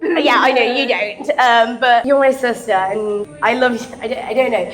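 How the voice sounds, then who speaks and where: A young woman, raised in England, giving a halting speech full of fillers and introducing her family. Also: a little high, a bit bright, faint music behind. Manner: halting, with fillers and frequent laughs, mixing English and Malayalam. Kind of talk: affectionate speech, then casual chat. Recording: crowd chatter behind.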